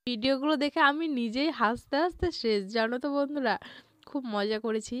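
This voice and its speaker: A woman narrates her vlog in a chatty, casual way, speaking straight to her viewers. Her voice is a touch high and sounds stuffy from a slight cold. The recording is dry and close. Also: brisk, a bit bright, no room sound. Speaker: vlogger.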